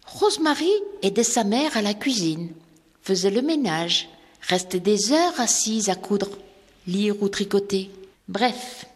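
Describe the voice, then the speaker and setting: A woman narrating a children's story in a lively, expressive way. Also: mid-range voice, in a large hall.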